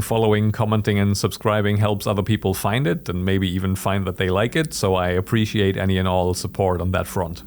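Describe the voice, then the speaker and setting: A man hosting and narrating a solo tabletop role-playing podcast in a measured, descriptive storytelling manner. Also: lowish voice. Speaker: host and narrator.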